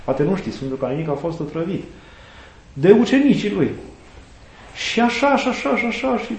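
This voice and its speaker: A middle-aged man, an Orthodox priest, talks earnestly and animatedly, weaving in sayings and the lives of saints. His voice sits slightly high, and the room gives it a strong echo with faint noise behind it. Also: very animated. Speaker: Orthodox priest and student chaplain. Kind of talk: conversational interview, reflective storytelling. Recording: echoey room.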